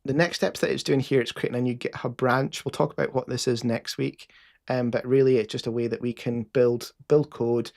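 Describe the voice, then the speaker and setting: A Scottish man talks through a live coding session in a loose, casual way, full of fillers and restarts. His voice has a gravelly, creaky edge at a middling pitch. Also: steady tone, fairly quick, a little mellow. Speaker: host.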